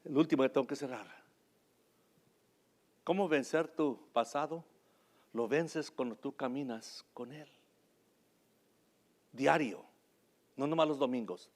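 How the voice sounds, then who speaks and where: A man's voice: mid-range voice, slow pace, long pauses. A man preaching a sermon and telling a story, often searching for words with hesitations and restarts.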